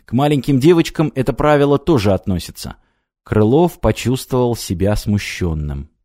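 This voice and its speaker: A man reading an audiobook with expressive storytelling narration on a close mic. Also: mid-range voice, moderate pace, dry recording. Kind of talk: scripted narration.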